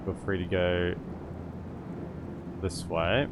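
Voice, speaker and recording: A man's voice: sits low, fairly even intonation, slow, background noise. A man giving casual strategy game commentary as a streamer, thinking aloud as he goes. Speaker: gaming streamer. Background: game music.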